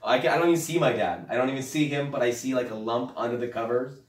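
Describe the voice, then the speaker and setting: A young man telling a rambling comic story in casual chat, deadpan with loud bursts. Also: medium pitch, quick pace, slight background noise. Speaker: guest comedian. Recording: roomy sound from a distant mic.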